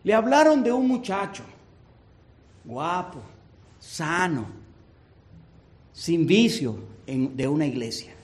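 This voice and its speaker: A male preacher telling a story in a sermon, dramatic and swinging from hushed to loud. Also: a little high, big pitch swings, slow pace, long pauses.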